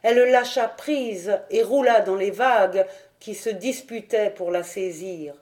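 Woman audiobook reader, mellow warm tone, dramatic storytelling, mid pitch. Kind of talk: scripted narration of a legend.

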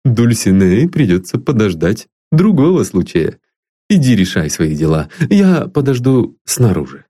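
A man's voice: on the low side, sing-song, unhurried, mellow. A man doing a sardonic worldly young rake.

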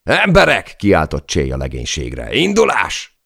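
A man voicing an exhausted, seasick sailor who shouts against a storm in an audiobook. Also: fairly low pitch, sing-song, dry recording, clean studio sound, voice pushed up. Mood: rallying. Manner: shouting, desperate. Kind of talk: audiobook character voice.

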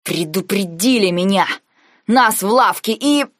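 A woman voicing a battered, furious young highland man who hisses and strains his words. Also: animated, measured pace, a bit bright, no room sound, clean studio sound. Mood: desperate.

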